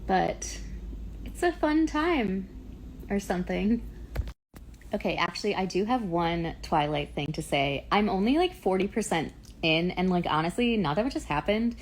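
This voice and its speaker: A woman in her thirties talking casually at home about a book she is reading. She sounds exasperated and animated, says "like" constantly and swears freely. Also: lowish voice, a little hiss or hum, rough recording. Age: 30s. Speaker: book vlogger. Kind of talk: casual ranting vlog.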